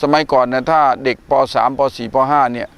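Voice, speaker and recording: A Buddhist monk from northeastern Thailand hosts a casual religious TV talk show, speaking a little fast in a steady, mid-range voice. He's a chatty storyteller whose tales are full of "er" fillers.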